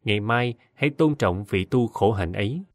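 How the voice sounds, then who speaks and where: A band of scheming male robbers, voiced by a man reading a tale plot and warn. The pitch swings freely and the sound is dry and close. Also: expressive, moderate pace, dry recording. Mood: plotting.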